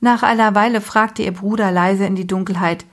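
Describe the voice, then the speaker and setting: A woman with a breathy voice reading a children's book aloud expressively, dropping to a whisper at tense moments. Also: medium pitch, fairly even intonation, brisk. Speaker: storyteller.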